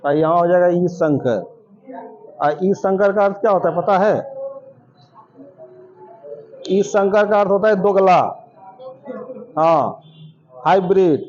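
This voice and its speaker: A slow-talking male teacher, his voice sitting high for a man. He drills sounds aloud and fires questions at his class, captured on a muffled, lo-fi classroom recording. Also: darkish tone, a little hiss or hum. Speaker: coaching teacher. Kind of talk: classroom lecture.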